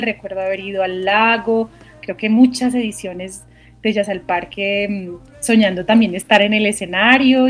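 Woman from Colombia, jazz singer, reflective interview answers, faint music underneath. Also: medium pitch. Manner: thoughtful, searching for words, many restarts.

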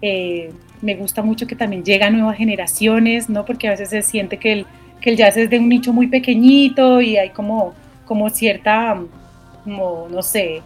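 A woman from Colombia, a jazz singer and composer, answering interview questions thoughtfully with frequent restarts and pauses. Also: mid-range voice, darkish tone, soft background music. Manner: thoughtful, searching for words, many restarts.

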